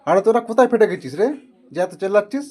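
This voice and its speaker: A woman voicing a gruff, curt man who dismisses the complaining eggs. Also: medium pitch, animated, racing, warm tone, lightly acted. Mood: dismissive. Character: gruff dismissive male egg owner.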